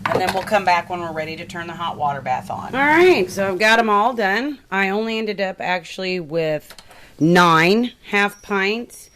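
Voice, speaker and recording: A woman's voice: medium pitch, normal speed. A woman giving a casual step-by-step home canning demonstration in her kitchen, chatting and thinking aloud as she works. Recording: home video with steady background noise.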